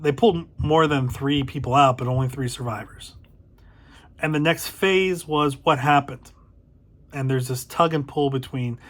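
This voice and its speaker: A man's voice: medium pitch, a bit bright. A middle-aged man hosting a casual spoken book review, thoughtful and a little hesitant, correcting himself as he goes. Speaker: book reviewer, channel host.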